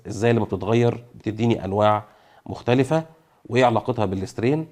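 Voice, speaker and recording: Man, Egyptian Arabic accent, engineering lesson, rapid delivery, casual explanation with fillers. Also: lowish voice, warm tone. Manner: rapid, with frequent fillers and everyday comparisons. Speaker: engineering educator.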